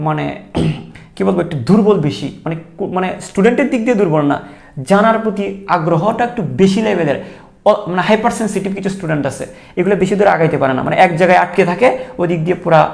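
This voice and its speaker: A man's voice: high voice, creaky, a little mellow. A young man teaching an exam-prep lesson in a chatty, joking way and repeating the key points. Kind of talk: online exam-prep lecture.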